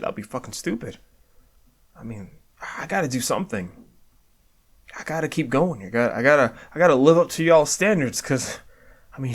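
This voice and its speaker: A man giving a candid year-end reflection, stammering and restarting often, swearing casually, earnest and self-deprecating. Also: medium pitch. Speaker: video creator.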